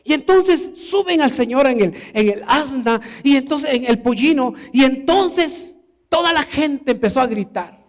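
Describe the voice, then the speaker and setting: High-voiced preacher, slow delivery. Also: male voice, lively intonation, long reverb tail. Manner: emphatic, rises to exclamations and acted quotes. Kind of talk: sermon. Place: church.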